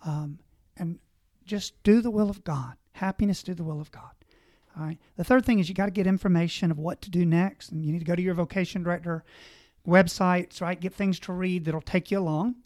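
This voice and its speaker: Earnest priest giving advice. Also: male voice, sits high, fairly even intonation, fairly quick, a little mellow, no echo, clean studio sound. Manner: earnest, exhortative, lists points. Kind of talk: conversational advice on a panel.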